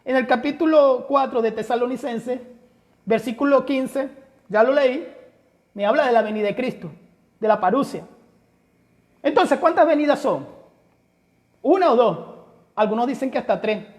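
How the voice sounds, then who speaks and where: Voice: high-pitched, normal speed, long pauses. A Bible teacher giving a study lecture, emphatic and full of rhetorical questions, often addressing listeners as brother. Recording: long hall reverb.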